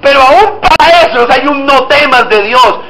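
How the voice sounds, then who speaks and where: High, bright-voiced pastor preaching. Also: male voice, lively intonation, moderate pace. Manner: emphatic preaching with shouted exhortations; leads the congregation in call-and-response and group reading. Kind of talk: sermon. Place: church service before a congregation. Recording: echoey church room.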